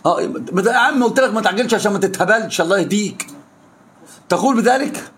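A man's voice: sits high, quick pace, a bit bright. A man with an Egyptian Arabic accent teaching an interactive religious lesson, pressing his students with repeated questions. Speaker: Islamic scholar teaching students.

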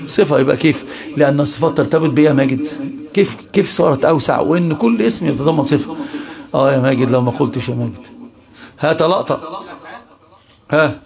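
A man's voice: fairly high pitch, fast, vocal fry, pauses often, crowd noise. A man with an Egyptian Arabic accent, a sheikh teaching a religious study lesson and quizzing his listeners with rhetorical questions. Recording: live class with audience noise.

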